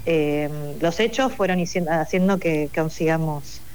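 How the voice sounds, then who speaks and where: Unhurried and low-pitched, her slightly mellow voice carries a Buenos Aires Spanish accent; she's a project coordinator from Buenos Aires, Argentina, explaining a project in an interview. She hesitates, filling and restarting often, over slight background noise.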